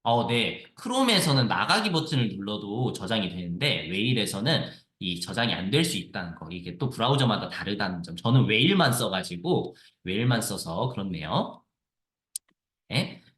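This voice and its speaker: Man, teacher, screen-share tutorial, lively explaining, bright tone, roomy echo. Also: fairly low pitch, normal speed. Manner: lively explanatory, repeats phrases. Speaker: teacher demonstrating a reading app.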